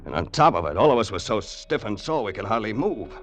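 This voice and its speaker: In a vintage radio drama with music, an actor narrates in first person as a tough, wisecracking crook, 1940s-50s style. His lowish voice swings widely in pitch, runs a little fast and sounds a bit bright, weary and tense in a colloquial, hard-boiled manner.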